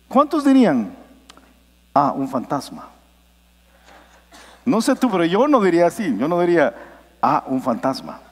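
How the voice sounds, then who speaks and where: A man preaching a sermon as pastor, acting out quoted lines by dropping his pitch suddenly. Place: church sanctuary. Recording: church hall reverb.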